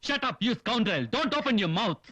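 A man's voice: very high-pitched, big pitch swings, extremely slow, bright, forceful tone, no echo, lo-fi sound, exaggerated voice. An actor playing a short-tempered, bossy rich father who is drunk and mixes English insults into his talk, in a film scene. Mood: angry. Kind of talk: film dialogue.

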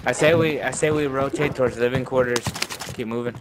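Male squadmate, medium pitch, casual game chat, clear vehicle noise in the background. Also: steady tone, brisk. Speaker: gaming teammate.

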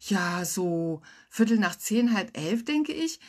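A woman's voice: animated, takes it slowly, darkish tone. A woman voicing an eager, rambling older woman at a public pool who chatters on and on. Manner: gushing, rambling, high-pitched squeals.

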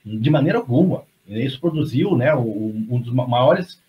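In a casual discussion over video call, this middle-aged guest novelist from Brazil has a mid-range, animated voice and a normal pace. He rambles, frequently starting over and adding tag questions, all captured by a webcam in slightly dull lo-fi sound.

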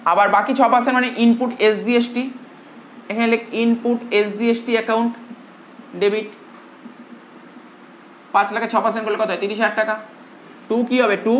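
A male tutor from India teaches a classroom lecture. He dictates slowly, repeats each phrase, and quizzes his students. His voice carries the echo of a roomy classroom over a faint hum. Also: extremely high pitch. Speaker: commerce tutor.

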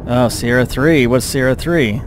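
A man's voice: medium pitch, normal speed, noisy background. A man giving casual gameplay commentary, thinking aloud and muttering to himself as he plays. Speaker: gamer commentating his own submarine game. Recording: steady engine-like game ambience behind voice. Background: submarine game sound effects and ambience.

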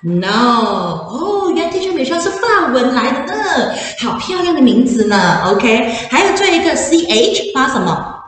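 Brief: female English teacher, animated presenter quizzing the room, off-mic in a boomy classroom. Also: normal speed. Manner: switches between Mandarin and English, quizzes the audience. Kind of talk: info session talk to parents and children. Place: classroom with an audience. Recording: echoey room, distant mic.

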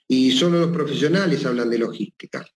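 A man's voice: medium pitch, fairly quick, a little mellow. A man giving a medical talk, often closing his points with a short questioning tag, recorded in a roomy space. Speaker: speaker, surgeon. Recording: echoey room with faint noise.

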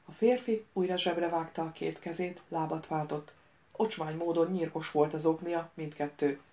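A woman narrating an audiobook in a measured storytelling manner. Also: low-pitched, steady tone, dark tone, dull audio.

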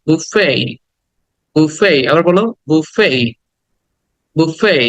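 A man with a Bangladeshi accent teaching word pronunciation, repeating each word slowly and drawn out and mixing in English phrases. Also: sits high, clean tone, no echo, poor audio. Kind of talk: pronunciation lesson.

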